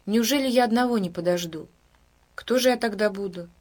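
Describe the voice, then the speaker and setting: A woman's voice: mid-range voice, fairly quick, close to an everyday voice. A woman reading the part of a steadfast village woman who keeps waiting for her husband, in a plain, earnest voice. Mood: insistent. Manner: plain, earnest, quietly stubborn. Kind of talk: audiobook character reading.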